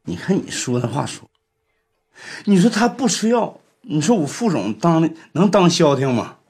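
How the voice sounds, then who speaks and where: Worried village deputy, grumbling, lively pitch. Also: male voice, moderate pace. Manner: grumbling, complaining.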